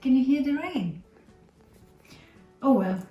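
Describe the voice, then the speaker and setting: A woman's voice: high-pitched, big pitch swings, slow pace, muffled recording, faint music behind. A woman hosting a home cooking video, chatting casually and gushing over the food in her kitchen. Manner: gushing, enthusiastic about food. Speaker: cooking show host. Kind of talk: casual cooking chat to camera.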